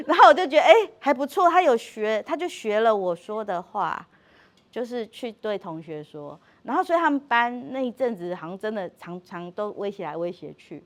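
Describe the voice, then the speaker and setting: A middle-aged woman speaking to parents at a workshop, animated, acting out quoted dialogue and laughing often. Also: medium pitch. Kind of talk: lively parenting talk.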